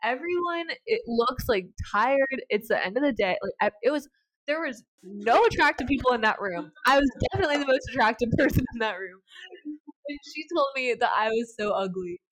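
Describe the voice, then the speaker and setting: Twenties woman, co-host, higher pitch; animated casual storyteller, laughs a lot. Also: a little fast, low-quality recording. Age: 20s. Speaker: podcast co-host. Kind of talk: casual chat.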